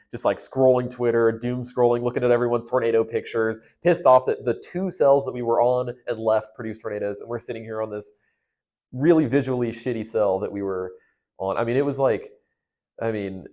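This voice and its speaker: A man's voice: mid-range voice, darkish tone. A young man, a storm chaser, casually recounting a past experience step by step in a conversational, detailed way.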